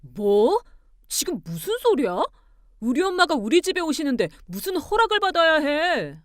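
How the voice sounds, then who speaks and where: A woman voicing an angry young husband who shouts and bullies his wife. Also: fairly high pitch, lively intonation, normal speed, no room sound, studio quality, lightly acted. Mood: angry shouting. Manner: shouting, indignant, stammering when cornered.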